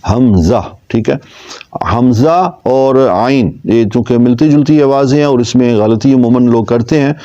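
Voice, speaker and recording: A man teaching Quran pronunciation in a patient lesson, slowly repeating paired letter sounds for practice. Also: medium pitch, dark tone, highs cut off. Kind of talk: tajweed lesson.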